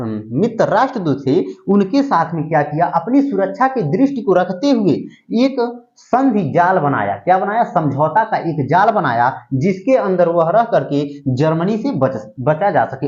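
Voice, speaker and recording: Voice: medium pitch, darkish tone. Teacher quizzing listeners with questions. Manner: asks rhetorical questions and answers them at once; repeats key phrases while thinking aloud. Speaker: history teacher. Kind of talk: history lecture. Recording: dull lo-fi recording.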